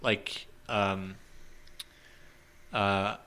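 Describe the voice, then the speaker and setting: Bright-voiced man co-hosting a podcast. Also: fairly low pitch, little pitch movement, very slow, smooth. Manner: chatty, lots of fillers and restarts. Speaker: podcast co-host. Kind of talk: casual podcast chat.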